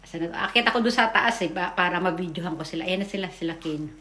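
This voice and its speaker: Speaking fast in a pushed, bright, lowish voice, a mom chats her way through a casual voice-over for a family video, tripping on her words at times. The room echoes, and she keeps ending lines with "o, di ba?".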